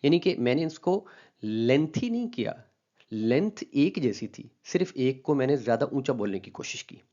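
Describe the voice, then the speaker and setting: A man's voice: mid-range voice, big pitch swings, moderate pace, dark tone, dull audio. A man giving an explanatory linguistics lecture. He mixes in English terms and often stops to check that the listener is following. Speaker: linguistics teacher.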